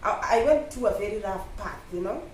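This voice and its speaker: A woman's voice: medium pitch, expressive, brisk. A woman from Kenya with a Kenyan accent, chatting casually and reflectively about herself, often adding "you know". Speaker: vlog guest. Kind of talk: casual personal chat. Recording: echoey room, distant mic, faint noise.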